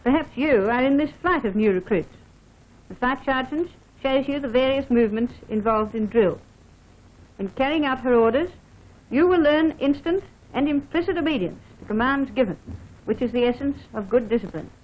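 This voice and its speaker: Narrating an air force training film, a woman with a high, animated voice speaks at normal speed. Her scripted delivery is formal and instructive, aimed straight at the listener, and the sound is dull and band-limited like an old film soundtrack.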